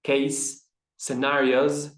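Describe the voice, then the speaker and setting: Slow, careful man in an echoey room. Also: medium pitch, completely flat delivery. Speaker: pronunciation student. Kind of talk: repeating phrases in a lesson.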